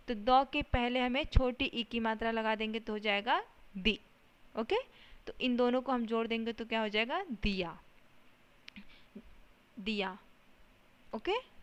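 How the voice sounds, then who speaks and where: A woman's voice: on the high side, a bit bright, clean tone. A woman teaching a lesson to young children, explaining patiently step by step and often checking that they follow.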